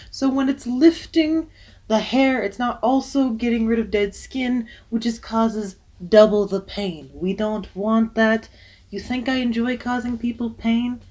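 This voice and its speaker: A woman's voice: a little high, measured pace, dark tone. Chatty young woman giving waxing tips. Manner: chatty, emphatic, jokey asides. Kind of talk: casual vlog advice.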